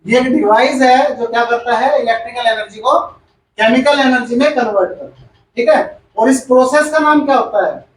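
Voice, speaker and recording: A man's voice: extremely high pitch, moderate pace, slight background noise. A male chemistry teacher gives a classroom lecture. He repeats each point and quizzes the class as he goes. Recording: echoey room, far from the mic.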